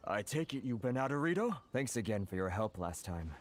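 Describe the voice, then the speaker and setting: Rueful, polite game merchant. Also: male voice, fairly low pitch, big pitch swings, fairly quick, faint music behind. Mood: friendly, sheepish. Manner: sighing, apologetic, rueful. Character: downcast, polite, grumbling male foreign merchant. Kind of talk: video game voice acting.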